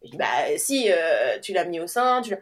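A young adult woman tells her own story in a casual chat, animated and laughing often as she acts out the voices in her quotes. Her voice sits fairly low and moves at a moderate pace.

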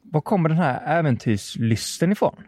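A man hosting a podcast who asks questions in a relaxed, casual way. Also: a little high. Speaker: podcast host. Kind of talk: casual interview chat.

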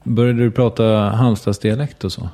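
A man hosting a relaxed interview, asking brief questions and adding short backchannels. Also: lowish voice. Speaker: host. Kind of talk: casual interview.

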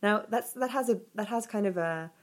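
On this podcast interview, the guest is a female researcher who talks at a normal speed in a medium pitch. She considers each question carefully, and her answers are peppered with fillers and hedging.

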